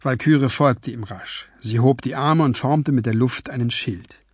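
A man narrating a fantasy audiobook in an expressive storytelling voice. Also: mid-range voice, unhurried, breathy edge, no echo.

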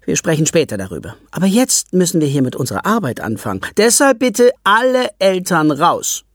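A firm, commanding schoolteacher who will not be argued with, as the narrator puts her on. The voice rides high and carries a slight huskiness. The recording is close and dry. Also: sing-song, fairly quick, no room sound. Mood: stern. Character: strict female schoolteacher, loud and firm. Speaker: classroom teacher.

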